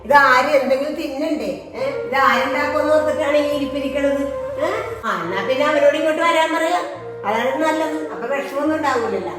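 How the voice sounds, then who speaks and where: A woman's voice: on the high side, lightly acted. A woman playing a domineering mother-in-law who nags and scolds in an amateur short film. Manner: nagging, scolding with repeated challenges.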